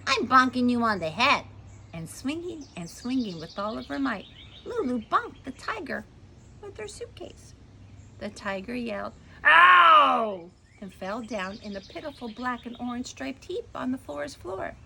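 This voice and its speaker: A woman's voice: fairly high pitch, sing-song, normal speed, creaky, a little hiss or hum. A woman reading a children's story aloud, playful, stretching dramatic words and asking the listener questions.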